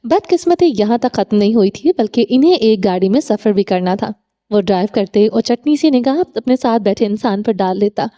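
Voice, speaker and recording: A woman narrating a romance novel audiobook with steady, dramatic storytelling. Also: mid-range voice.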